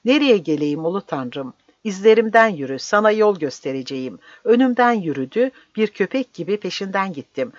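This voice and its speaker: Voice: mid-range voice, animated, moderate pace, few pauses, dry recording, pitched above the performer's own voice, natural voice. A narrator voicing a fervent old village priest who preaches in a raised, impassioned voice, dry and slightly dull audio. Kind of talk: audiobook character voice.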